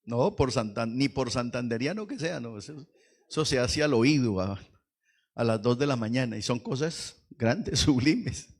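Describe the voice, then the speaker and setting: A man preaching a lively Pentecostal sermon in church, swinging from hushed asides to shouts and quizzing the congregation. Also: medium pitch, normal speed, breathy edge. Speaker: pastor.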